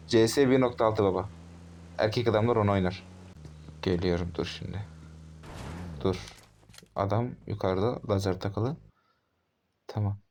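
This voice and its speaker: Young guy commentating his shooter game, lowish voice, gets loud and fed up, gunfire and clicks going behind him. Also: a little hiss or hum. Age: 20s. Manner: excitable, talks to himself and to enemies, bursts into frustrated shouts. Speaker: gaming youtuber. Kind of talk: live gameplay commentary. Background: gunshots and game sounds.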